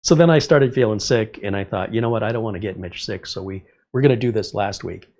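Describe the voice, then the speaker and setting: Talking fast in a low, slightly mellow voice, a middle-aged livestream host chats in a rambling way and reads out viewer comments. He sounds a bit congested.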